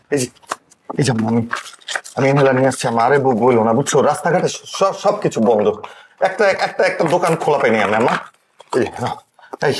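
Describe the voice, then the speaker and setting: A man's voice: a little high, slight background noise. An actor playing a desperate young man who begs for medicine for his sick mother, repeating words in panic. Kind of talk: TV drama acting.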